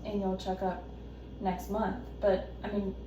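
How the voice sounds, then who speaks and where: A woman playing an anxious, devoted wife who explains herself haltingly and defensively in a counselling role-play. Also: medium pitch, completely flat delivery, natural voice. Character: anxious, devoted wife caring for her husband. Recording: echoey room, distant mic, noisy background.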